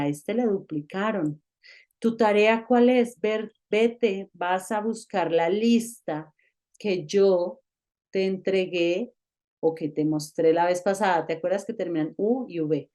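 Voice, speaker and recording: A woman's voice: medium pitch, warm tone. A woman teaching an online English grammar lesson, explaining each rule step by step and checking in with the learner. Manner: patient, explains step by step with many check-ins.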